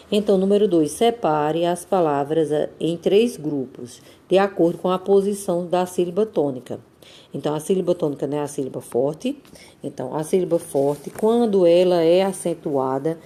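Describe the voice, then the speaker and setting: A woman's voice: sits low, warm tone. A woman teacher with a Brazilian Portuguese accent, giving a recorded lesson, patient and repetitive, drawing out example words to stress their syllables. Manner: patient, explains slowly and repeats points. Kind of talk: recorded remote classroom lesson.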